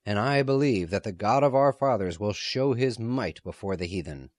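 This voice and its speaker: A man voicing a stern old rabbi, low and proud, his voice swinging wide as he declares defiance in a dry, close sound. He speaks hotly and sternly, with a fixed resolve. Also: lively intonation, normal speed, a little mellow, dry recording, natural voice.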